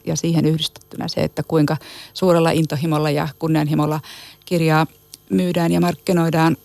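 A woman's voice: low-pitched, vocal fry, darkish tone, dry recording. A woman literary agent answering interview questions with emphasis, listing words one after another and often repeating words as she starts a phrase. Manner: emphatic, piles up lists of words.

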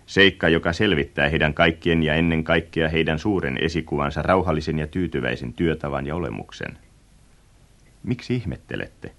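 A man narrating a radio travel reportage in a measured, descriptive and reflective way. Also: sits low, fairly bright tone.

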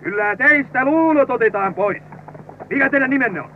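An actor playing a stern army drill sergeant, barking commands and scolding a recruit. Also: male voice, very high-pitched, animated. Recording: tinny old radio recording with hiss.

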